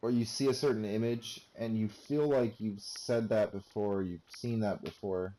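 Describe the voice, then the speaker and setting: Wry, mellow-voiced gaming commentator man. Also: lowish voice, fairly even intonation, normal speed, rough recording. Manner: wry, rambling, self-mocking jokes. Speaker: let's play commentator. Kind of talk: casual gameplay commentary.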